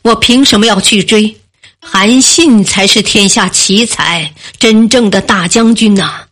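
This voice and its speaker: An earnest male chancellor who pleads and insists, read by a woman storyteller. The delivery is slow and deliberate, in a mid pitch, as in an audio storybook. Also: fairly bright tone. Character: earnest, persuasive male chancellor of an ancient court.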